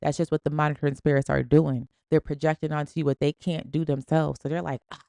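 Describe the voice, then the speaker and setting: A woman's voice: sits low, level tone, fast talker, vocal fry, mellow, dry recording, studio quality. A woman hosting a podcast, giving an emphatic, slangy, preachy motivational talk in a casual style. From Springfield. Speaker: podcast host.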